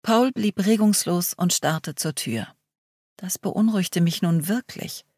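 Low-voiced woman reading a novel. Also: measured pace, darkish tone, breathy edge, no room sound, clean studio sound. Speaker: audiobook narrator. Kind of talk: first-person novel narration.

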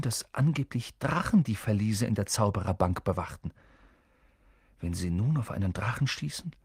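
Husky, expressive male audiobook narrator. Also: medium pitch, dry recording, studio quality. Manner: expressive, dramatic storytelling.

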